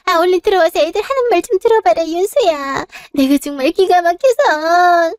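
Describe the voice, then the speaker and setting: A woman's voice: high-pitched, animated, normal speed, no room sound, clean studio sound, soft background music. A woman voicing a domineering older mother who scolds her children and favors her eldest son, in a dramatized story. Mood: scolding. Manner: scolding, indignant.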